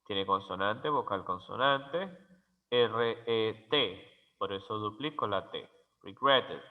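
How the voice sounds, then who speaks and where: Male teacher, slow careful grammar lesson, spells out letters, muffled lo-fi sound, long reverb. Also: fairly low pitch, animated. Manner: spells out letters and repeats example words slowly. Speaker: English teacher.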